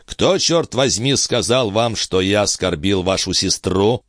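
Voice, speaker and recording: A man voicing a tired, haughty count who answers slowly and with calm disdain. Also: on the low side, dry recording, studio quality. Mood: disdainful. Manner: slow, languid, condescending.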